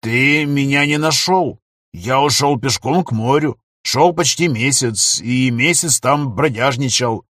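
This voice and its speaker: A man with a husky voice voicing an elderly male professor who pleads and rises to near shouting. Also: mid-range voice, measured pace, no echo, clean studio sound. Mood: remembering.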